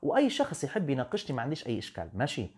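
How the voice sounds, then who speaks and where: A man's voice: medium pitch, huge pitch swings, racing, darkish tone, husky. A man, an English teacher talking on a live stream, firm and lecturing, slipping into English now and then. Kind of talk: live-stream talk answering comments.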